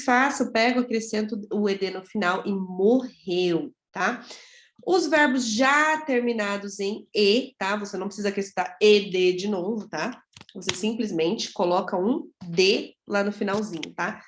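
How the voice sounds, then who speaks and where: A woman from Brazil teaching an English grammar lesson in a chatty way, often checking in with her students. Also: medium pitch. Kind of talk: casual video lesson. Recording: echoey room.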